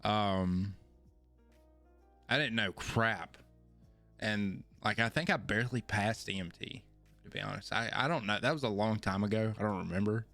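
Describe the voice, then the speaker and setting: A man's voice: on the low side, moderate pace, a bit bright, faint music behind. A man hosting a podcast, telling his own story in a casual, rambling, self-deprecating way that often repeats phrases. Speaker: podcast host.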